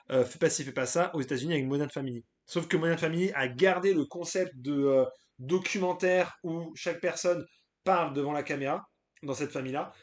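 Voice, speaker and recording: A man with a fairly high voice runs a relaxed live stream. He chats loosely and gives his opinions, stopping often to hesitate and to greet people in the chat. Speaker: streamer hosting a live tier list. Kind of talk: casual live-stream chat, reading the chat aloud.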